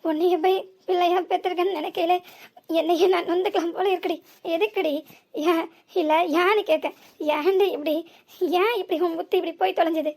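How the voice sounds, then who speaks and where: A woman's voice: fairly even intonation, fairly quick, a little mellow. A woman voicing a furious middle-aged village mother who berates and laments at her daughter in a cartoon serial. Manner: shrill, berating, lamenting scolding.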